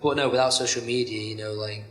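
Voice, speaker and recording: In an echoey room with slight background noise, a young male wrestler gives a casual interview, speaking fast at medium pitch. He rambles with many "you know" fillers and describes his own delivery as monotone.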